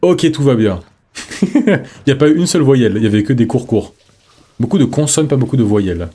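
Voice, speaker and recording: A man's voice: mid-range voice, lively intonation, a little fast, dark tone, husky. A man giving casual let's-play commentary, chatty, reading in-game notes aloud with jokey asides. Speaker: streamer playing a horror game.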